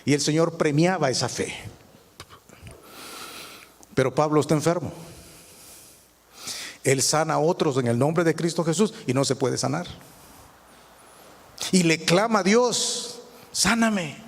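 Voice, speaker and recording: A man's voice: fairly high pitch, measured pace, pauses often. A male pastor preaching a sermon, asking the congregation rhetorical questions. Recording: long hall reverb.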